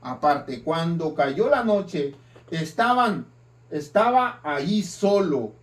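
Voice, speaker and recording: A man preaching a sermon in an emphatic style, with dramatic swings between loud and soft. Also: fairly high pitch, lively intonation, takes it slowly. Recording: distant mic.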